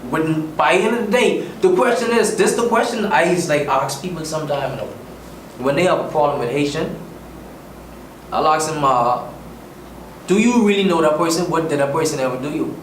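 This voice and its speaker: A man's voice: on the high side, brisk. A man from the Bahamas with a Bahamian accent, a musician speaking earnestly and emphatically with slang in a casual interview. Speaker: musician guest. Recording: echoey room, distant mic, faint noise.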